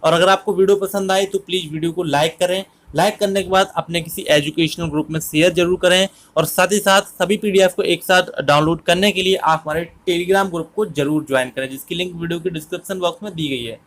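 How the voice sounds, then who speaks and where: A man explaining current affairs quiz questions for exam preparation in a steady, explanatory manner, repeating each answer. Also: high-pitched, fairly quick, hardly any pauses. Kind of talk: exam-prep quiz lesson.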